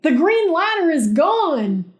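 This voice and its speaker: A woman voicing a panicky, cocky adult boyfriend who yells and whines. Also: very animated, slow pace, heavily acted. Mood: panicked. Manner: yelling, frantic, high-strung.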